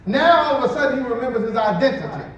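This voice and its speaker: A man with a notably high voice preaches in a casual, storytelling way, slipping into quoted voices and little laughs. He is picked up from a distance in a strongly echoing church hall, so his words ring around the room. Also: animated, fast talker, highs cut off. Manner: conversational preaching with acted-out quotes and chuckles. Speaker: pastor. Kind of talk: sermon.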